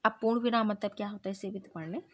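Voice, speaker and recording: A woman's voice: mid-range voice, very fast, fairly bright tone, no room sound. A woman teaching a grammar revision lesson who keeps asking the class questions and answering them herself.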